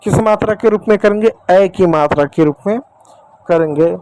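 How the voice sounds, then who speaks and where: High-voiced man teaching kids phonics. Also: background noise. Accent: Hindi. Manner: asks a question and answers it himself; spells out letters slowly and deliberately. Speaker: English teacher for children. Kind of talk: explaining phonics on a board.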